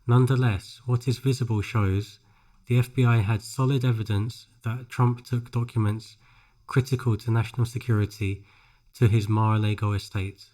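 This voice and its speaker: A man reads scripted narration for a pronunciation drill, phrase by phrase, with careful, measured enunciation. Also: medium pitch, steady tone, warm tone. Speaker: English shadowing practice narrator.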